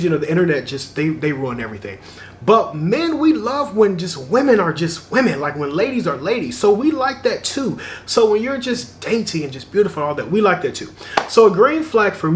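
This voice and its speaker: A young man talking casually to camera in a vlog, giving dating advice in a chatty, animated way and laughing often. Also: a little high, a little hiss or hum. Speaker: dating vlogger.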